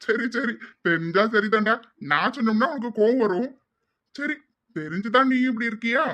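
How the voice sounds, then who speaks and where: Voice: mid-range voice, animated, moderate pace, fairly bright tone, natural voice. A performer voicing a needling young male buddy. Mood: teasing. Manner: joking, needling. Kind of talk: amateur audio drama.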